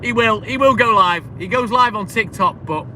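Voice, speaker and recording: A man's voice: sits high, animated, moderate pace, bright, forceful tone, slight background noise. A man chatting casually and upbeat on a live stream, slangy and laughing often.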